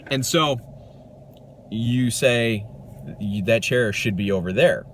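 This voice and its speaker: A man's voice: mid-range voice, slow, fairly bright tone, a little hiss or hum. A man giving an earnest, reflective self-help monologue to camera, rambling a little with restarts. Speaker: vlogger.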